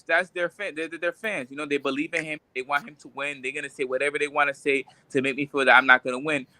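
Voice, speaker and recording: A man's voice: medium pitch, sharp tone, dry recording. A man from Puerto Rico, a boxer, talking confidently and insistently in an interview, often repeating himself. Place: remote live stream.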